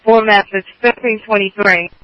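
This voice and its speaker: A man's voice: high voice, steady tone, normal speed, no echo. A man working as an emergency dispatcher, calling out units, addresses and times in clipped codes over a two-way radio. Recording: muffled dry radio transmission.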